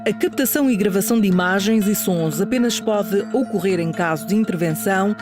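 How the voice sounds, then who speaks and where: European Portuguese news reporter narrating over loud music. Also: medium pitch, brisk. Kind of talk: scripted documentary news narration. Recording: loud music bed behind voice.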